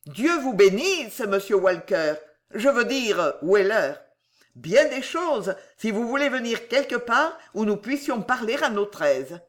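A mid-range, sing-song voice reads slowly as a gushing male servant in an audiobook. The character is sly and overly sentimental, his tears false.

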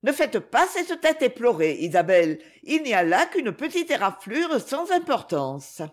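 A woman's voice: a little high, sing-song, unhurried, pitched above the performer's own voice. A woman reading the part of a cold, disdainful young lady who speaks dismissively. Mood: scornful.

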